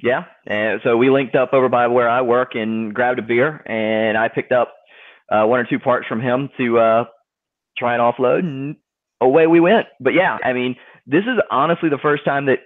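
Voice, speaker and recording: A man chatting in a relaxed, easygoing way on a group video call. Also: medium pitch, normal speed. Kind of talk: casual group video chat. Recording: tinny phone-like call audio.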